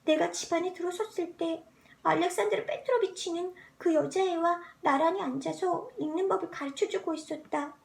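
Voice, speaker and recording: Very high-pitched woman reading literary fiction. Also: creaky. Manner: theatrical, deliberately altered voice. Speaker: amateur audiobook reader practicing voice changes. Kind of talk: expressive literary narration, voice-acting practice.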